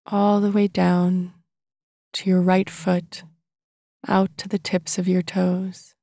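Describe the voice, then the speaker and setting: Female meditation narrator: soft, relaxed and soothing, slow phrasing with long pauses, very dry close sound. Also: on the low side, creaky, no room sound. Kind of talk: guided body-scan meditation narration.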